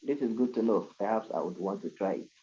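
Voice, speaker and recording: A man's voice: fairly low pitch, fast, dark tone, slightly rough. A man taking part in a workshop, asking questions and commenting hesitantly over a video call. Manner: hesitant, with fillers. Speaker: workshop participant. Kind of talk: casual discussion. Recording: dull video-call audio.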